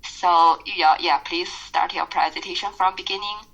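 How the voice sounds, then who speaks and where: A woman's voice: fairly low pitch, steady tone, normal speed, vocal fry, pushed and bright, dull audio. A woman chairing a session, reading a formal introduction with small slips and self-corrections, heard through screen-recorded video call audio.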